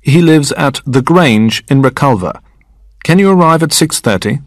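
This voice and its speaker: A man's voice: on the high side, lively intonation, moderate pace, dry recording, studio quality, voice pushed up. A man reading a storybook voices a courteous male hotel employee passing on a message. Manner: formal, courteous.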